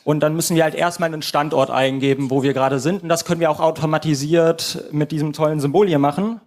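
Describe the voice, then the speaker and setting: Male presenter, slightly high voice, explaining a live app demo one step at a time. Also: steady tone, fast, darkish tone. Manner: walks through screens step by step. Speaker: team presenter at a hackathon.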